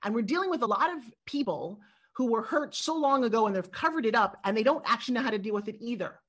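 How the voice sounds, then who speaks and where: A middle-aged woman from New York, a guest in an interview, telling stories in a quick and expressive way. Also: a little high. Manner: animated storyteller, quick and expressive. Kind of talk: interview conversation.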